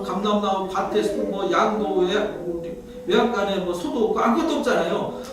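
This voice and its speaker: A male pastor preaches in a casual, talking style and keeps asking his congregation questions. His voice sits high for a man. It rings through a very echoey church sanctuary and is picked up from some distance. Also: a little hiss or hum. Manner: leads the congregation in reading scripture aloud. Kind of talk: Sunday sermon.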